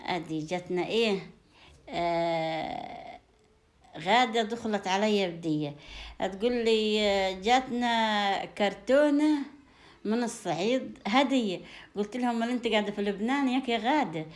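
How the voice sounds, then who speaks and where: A woman from Upper Egypt, speaking with a Sa'idi accent, chats casually with her viewers as a home vlogger while showing off food gifts. Her mid-range voice moves at a moderate pace with long pauses, and she repeats phrases and showers them with effusive blessings and endearments.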